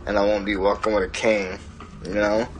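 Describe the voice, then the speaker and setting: A man in his forties talking to a close camera in a small apartment, halting with many restarts and fillers. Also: on the low side, level tone, noisy background. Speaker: interviewee. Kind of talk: casual talk to camera.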